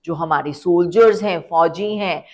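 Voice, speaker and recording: Speaking at a moderate pace in a lowish, slightly mellow voice, a woman leads a phonics lesson for young children. She draws out and repeats words slowly, posing questions to the children and answering them herself.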